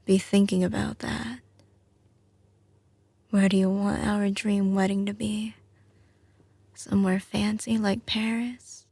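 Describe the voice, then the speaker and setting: She's heavily acted here as the doting, self-assured mafia heiress girlfriend of an intimate ASMR roleplay, speaking slowly with long pauses, vocal fry, and a breathy edge. The pitch is medium with little movement and a darkish tone, her slight Southern US drawl tender and often whispery, the recording dry.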